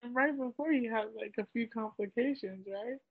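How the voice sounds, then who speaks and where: A woman's voice: a little high, normal speed. A woman hosting a podcast who chimes in with short, supportive, affirming remarks in casual chat. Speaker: podcast host. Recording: tinny phone-like audio.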